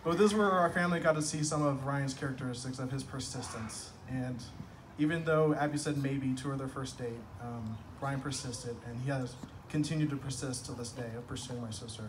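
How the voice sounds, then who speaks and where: At a night-time garden wedding reception, a young man gives a funny best-man toast, telling wry, self-deprecating stories and landing his punchlines. His medium-pitched voice runs a little fast with hardly any pauses. It was captured on a distant phone video from across the lawn, with ambient noise.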